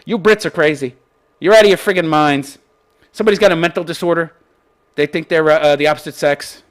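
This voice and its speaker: A man who hosts a commentary channel reads out news on his opinion show and mocks it in a brash, foul-mouthed, exaggerated manner. His voice is fairly high-pitched and he talks fairly quickly.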